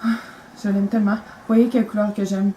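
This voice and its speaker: A woman's voice: medium pitch, little pitch movement, a little fast, warm tone, slight background noise, low-quality recording. A young woman with a Quebec French accent, talking casually and enthusiastically about her makeup, rambling with lots of fillers. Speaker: beauty vlogger.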